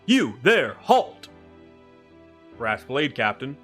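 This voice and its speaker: A man's voice: medium pitch, sing-song, very slow, fairly bright tone, soft background music, heavily acted. A man voicing a stern, threatening male guard captain with clipped commands. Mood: commanding.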